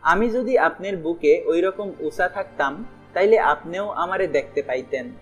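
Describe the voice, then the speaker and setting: A man voicing a devoted young village woman in an audiobook, with soft, imploring rustic speech. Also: high-pitched, measured pace, husky, dull audio, faint music behind. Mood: tender. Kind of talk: audiobook character voice.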